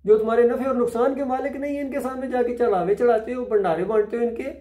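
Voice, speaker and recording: Man retelling as stern old prophet, scolding, high voice, echoey room. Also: fairly even intonation, fast talker. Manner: forceful, scolding. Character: prophet Abraham rebuking idol worshippers, stern old man.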